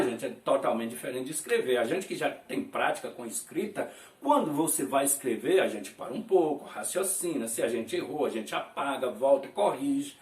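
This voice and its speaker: A man teaching an English lesson in a casual style. He keeps adding little check-in questions and says each example sentence slowly and carefully. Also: fairly high pitch. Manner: lively, repeats tag questions like "né?" and "viu?". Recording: echoey room, voice from a distance.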